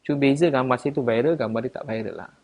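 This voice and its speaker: Speaking rapid-fire, this Malaysian Malay-accented man talks casually on a live stream, responding to viewers and defending himself. Now and then he gets louder and his pitch climbs.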